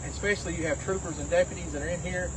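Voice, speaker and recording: A man's voice: fairly high pitch, steady tone, racing, a loud crowd. A man speaking as a police spokesman at a press briefing, plain-spoken and folksy, repeating phrases for emphasis. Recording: noisy outdoor field audio.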